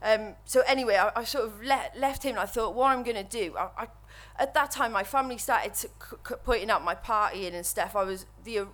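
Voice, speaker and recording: A woman in her thirties with a Welsh accent, nervously telling her recovery story to an audience at a microphone, halting and full of restarts. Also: mid-range voice, a bit bright. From Wales. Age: 30s. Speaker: speaker sharing recovery story. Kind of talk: personal testimony to an audience. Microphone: microphone while standing before an audience.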